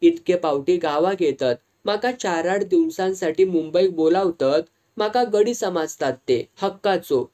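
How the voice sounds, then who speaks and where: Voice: medium pitch, mellow, close to an everyday voice. A reader voicing a resentful Malvani servant. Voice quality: aggrieved. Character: resentful male village servant.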